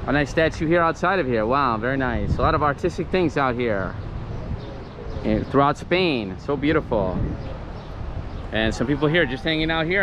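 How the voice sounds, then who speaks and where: A man's voice: fairly high pitch, noisy background. A man in his thirties filming a casual travel vlog at a seaside restaurant, enthusiastic and saying wow a lot, with the camera held at arm's length. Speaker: travel vlogger. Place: seaside restaurant and promenade, indoors and out. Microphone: handheld action camera at arm's length.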